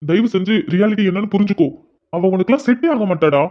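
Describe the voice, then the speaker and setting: கவலையுடன் வேகமாகக் கெஞ்சிப் பேசும் அக்கறையுள்ள இளைஞன் நண்பனாக நடிக்கும் ஒருவர். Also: male voice, high-pitched, expressive. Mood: urgent. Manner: rapid urgent pleading. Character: caring young friend, pleading, worried. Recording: dull lo-fi sound.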